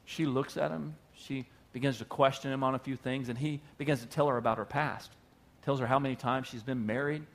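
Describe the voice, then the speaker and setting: A man preaching a sermon in an animated, conversational storytelling manner. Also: mid-range voice, brisk. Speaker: pastor.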